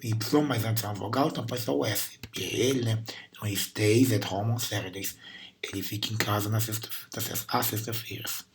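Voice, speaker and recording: A man's voice: lowish voice, fairly even intonation, fairly quick, background noise. A Brazilian man teaching English grammar and pronunciation, patiently repeating sounds and words to demonstrate them. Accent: Brazilian Portuguese. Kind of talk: recorded class lesson.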